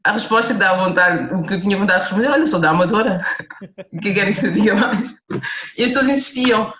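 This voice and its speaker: A woman's voice: mid-range voice, a little fast, crowd noise. A woman from Portugal with a Lisbon accent, an author speaking as a guest in a podcast interview, earnest and reflective, often restarting her sentences. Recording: roomy, dull lo-fi sound.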